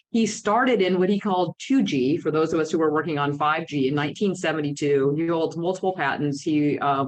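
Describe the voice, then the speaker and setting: A woman's voice: deep voice, rough recording. An American woman moderating a conference panel, chatty and informal, with many fillers and restarts. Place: conference room with audience.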